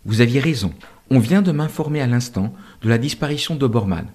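A man's voice: mid-range voice, expressive, a little mellow, lightly acted. A man reading a shrewd, conciliatory general. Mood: measured. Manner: smooth, measured, conciliatory.

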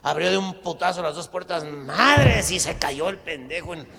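A man's voice: on the high side, animated, moderate pace, creaky, over music. A man with a Mexican accent telling a crude stand-up joke, full of slang and rambling asides. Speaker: comedian.

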